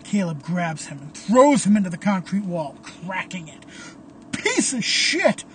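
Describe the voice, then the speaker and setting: A storyteller narrating a violent horror scene in a slow, deliberate, hushed reading. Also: medium pitch, slight background noise.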